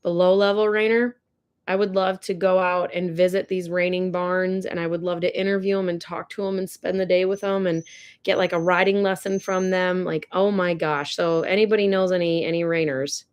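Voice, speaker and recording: A woman's voice: fairly low pitch, steady tone, normal speed, smooth. A young woman chatting casually on a ranch livestream, gushing and answering viewer comments. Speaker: livestream host. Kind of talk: casual live chat. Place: ranch barn or home.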